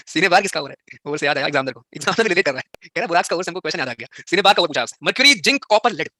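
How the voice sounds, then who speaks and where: Fast-talking bright-voiced male teacher. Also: on the high side, lively intonation, dry recording, studio quality. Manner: teasing, scolds students by turns. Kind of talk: live online exam-prep class.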